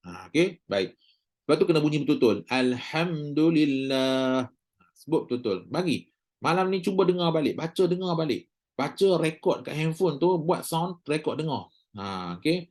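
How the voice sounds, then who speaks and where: A man's voice: fairly high pitch, expressive, brisk, darkish tone. A man with a Malaysian Malay accent teaching a recorded recitation class, chatty and joking, drawing out sounds to model them. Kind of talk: casual recorded class lecture.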